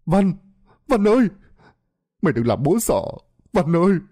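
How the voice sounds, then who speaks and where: A man's voice: high-pitched, sing-song, a little slow, warm tone, pitched above the performer's own voice, heavily acted. A man voicing a grief-stricken village father calling for his lost son in a spoken tale. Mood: anguished. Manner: crying out, choked with grief.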